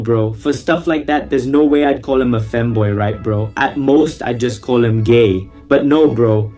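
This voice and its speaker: A man with a mid-pitched voice gleefully reads out gossip as a casual online host. He uses lots of slang and cuts in with theatrical, mocking reactions. Music plays behind him. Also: a little mellow. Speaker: YouTuber reading viewer confessions. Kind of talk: casual reading of gossip with running commentary.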